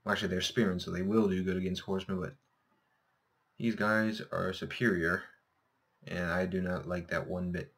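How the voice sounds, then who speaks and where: A man with a deep voice that sounds a little scratchy, as from a sore throat after yelling. He gives casual gameplay commentary, thinking out loud in a halting way and often correcting himself as he goes. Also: steady tone. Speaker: gameplay host.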